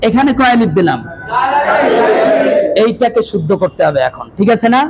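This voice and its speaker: A man leads a Quran recitation class, speaking in a very high voice. He drills the students in call-and-response and often raises his voice. Heavy noise and the sound of a full class fill the room. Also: sing-song, moderate pace, gravelly, over a noisy crowd. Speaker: Quran teacher.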